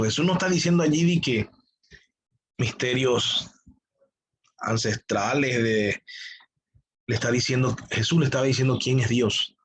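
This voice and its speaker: Husky man preaching a class. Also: mid-range voice, poor audio. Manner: emphatic, rhetorical questions. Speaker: pastor teaching a class. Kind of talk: teaching sermon.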